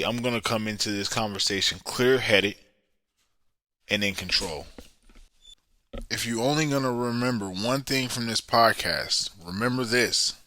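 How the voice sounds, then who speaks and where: A man's voice: fairly low pitch, sharp tone. A man hosting a podcast, giving relationship advice in a coaching way and checking in with the listener. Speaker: podcast host.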